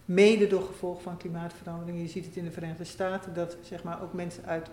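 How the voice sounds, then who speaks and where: Guest essayist, mid-pitched voice, measured and explanatory, recorded in an echoey room. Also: little pitch movement, dark tone, a little hiss or hum. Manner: thoughtful, explanatory, with frequent restarts. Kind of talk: conversational interview. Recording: roomy echo.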